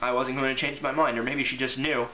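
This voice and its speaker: An amateur book reviewer delivers a rambling, offhand review and read-aloud in a medium-pitched, flat voice at a quick pace. The clip sounds muffled and echoey, with a faint background hiss.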